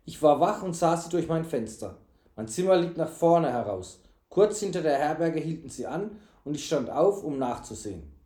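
A man's voice: lively intonation, normal speed, warm tone, natural voice. A man putting on a whining cowardly servant. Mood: grudging. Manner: wailing, high-pitched yelps. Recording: echoey room.

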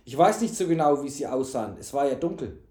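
A man voicing a cowardly young male servant who wails in high yelps. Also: expressive, quick pace, dark tone, natural voice. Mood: grudging. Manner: wailing, high-pitched yelps. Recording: echoey room.

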